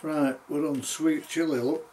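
A man in his sixties giving casual, halting commentary as he eats very hot jelly beans and reacts to the heat, recorded on a distant camera mic in a small room. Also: on the high side, fairly even intonation, darkish tone, slight background noise. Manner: halting, reacting to chilli heat between mouthfuls. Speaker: vlogger doing a tasting challenge. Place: small cluttered home office, indoors. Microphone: camera a few metres away.

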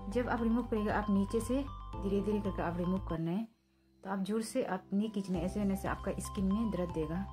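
A woman talks quickly while wearing a peel-off face mask, giving casual how-to tips. Her middle-pitched voice comes over faint background music. Her speech is loose and chatty, mixing in English words. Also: warm tone. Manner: non-standard Hindi grammar, English loanwords. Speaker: beauty vlogger. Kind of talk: casual product demo.

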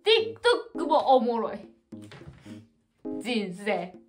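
A woman's voice: fairly high pitch, big pitch swings, extremely slow, soft background music. A drunk woman livestreamer with a Kansai Japanese accent, chatting casually in a rambling, repetitive way.

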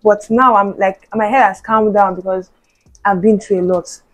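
Young woman, casual vlog chat, lots of fillers, mid pitch. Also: fairly even intonation, normal speed, low-quality recording. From Nigeria. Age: young adult. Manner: chatty, many fillers like "you know". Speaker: vlogger.

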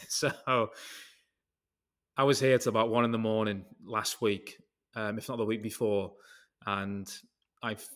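A British concrete craftsman, appearing as a podcast guest, chats casually and tells rambling stories that leap between tangents, with the odd swear word. His voice is lowish and a bit bright.

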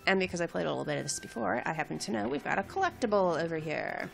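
A woman's voice: lowish voice, animated, rapid-fire, vocal fry, fairly bright tone, faint music behind. A woman hosting a let's play, giving casual, chatty game commentary with wry asides.

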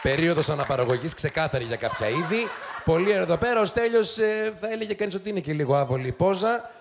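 Hosting a TV show, a man with a highish, animated voice and vocal fry needles his studio audience with sarcastic teasing and fast mocking asides. The audience laughs and cheers in a noisy studio, though the crowd comes through faintly.

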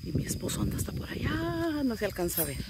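A woman's voice: fairly high pitch, huge pitch swings, fast, very noisy. A woman with a northern Mexican accent, chatting casually to her viewers as a vlogger, filming on a phone while working outdoors in a rural field. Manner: chatty, addresses viewers as little friends, playful exclamations. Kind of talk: casual vlog chat to viewers.

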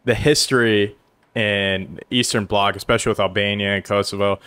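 A man's voice: lowish voice, steady tone, fairly quick, a bit bright, clean tone, dry recording. A young man co-hosting a podcast in casual, enthusiastic and rambling chat, at a studio mic. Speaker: podcast co-host. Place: small studio. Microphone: headset and studio mic.

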